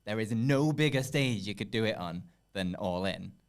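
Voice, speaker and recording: A man's voice: lowish voice, lively intonation, normal speed, vocal fry, smooth. A man chatting casually as a panellist on a wrestling show. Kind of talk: casual chat.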